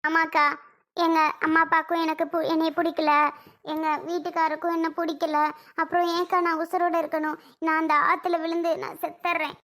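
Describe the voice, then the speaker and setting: A woman voicing a distraught young village wife in a cartoon, with a southern Tamil accent and a slow, self-pitying lament. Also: extremely high pitch, little pitch movement, fairly bright tone. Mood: tearful. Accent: southern Tamil (Kanyakumari-Tirunelveli). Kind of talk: cartoon voice acting.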